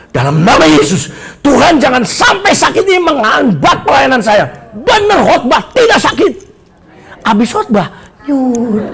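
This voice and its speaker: A male pastor delivers a sermon full of jokes and slangy asides. His pitch swings widely as he teases and questions the congregation, pausing often to call for an amen. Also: vocal fry, a bit bright. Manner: asks the congregation questions and calls for amens. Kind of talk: lively humorous sermon.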